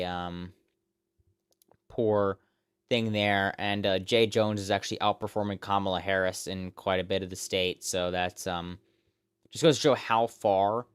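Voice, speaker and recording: An American man hosting live, off-the-cuff election results commentary, reeling off figures and place names in a halting, repetitive way. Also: lowish voice, clear, resonant tone, no echo, studio quality. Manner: halting, often repeats himself, reels off figures and place names. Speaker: election night live stream host.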